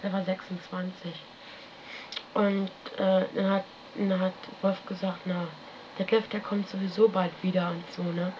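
A woman's voice: lowish voice, level tone, a little slow. A woman casually recounting events in a rambling, colloquial way, constantly tagging her sentences with a questioning "ne?". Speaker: interviewee recounting her life. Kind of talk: casual spoken recollection. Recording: dull lo-fi archival radio tape with faint hiss.

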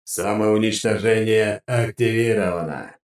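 A man voicing a booming metallic guardian robot in an audiobook, announcing in a flat mechanical tone. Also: a little slow, echoey room. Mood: calm. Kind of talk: audiobook character voice.

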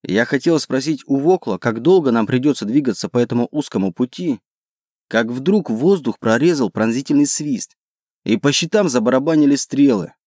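A man reading a fantasy audiobook in the first person, in an even, measured way. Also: mid-range voice, no room sound, clean studio sound. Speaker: audiobook narrator.

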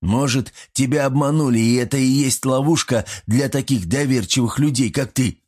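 A man's voice: medium pitch, darkish tone, slightly rough, pitched above the performer's own voice, lightly acted. A man voicing a cheeky, pushy little male gremlin who scolds and argues in an audiobook. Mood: badgering. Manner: bossy, scolding, quick to argue. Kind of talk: audiobook character voice.

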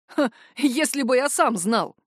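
A woman's voice: high-pitched, expressive, measured pace, slightly rough, dry recording, studio quality, pitched above the performer's own voice, full character voice. A woman voicing a hot-tempered young male shapeshifter in an audiobook, speaking in hissed, clipped threats. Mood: menacing. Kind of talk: audiobook narration.

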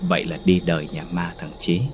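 Deep-voiced man narrating a horror story. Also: flat delivery, fairly quick, a little mellow, faint music behind.

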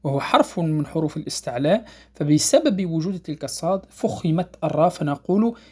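A woman's voice: low voice, expressive, a little mellow, slightly rough. Patient woman teaching Quran recitation rules. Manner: patient, repeats points and checks understanding; recites verses slowly and melodically. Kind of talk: tajweed lesson explaining rules.

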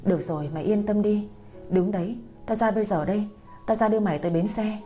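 A woman voicing a brisk, loyal young woman friend, speaking urgently and brusquely. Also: mid-range voice, warm tone, soft background music, close to an everyday voice.

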